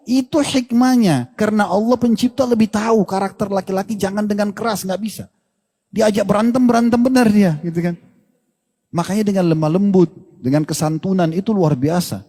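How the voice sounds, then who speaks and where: A man preaches in an animated, conversational way, voice somewhat high and husky. His words ring out with a long hall echo around them. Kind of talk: sermon.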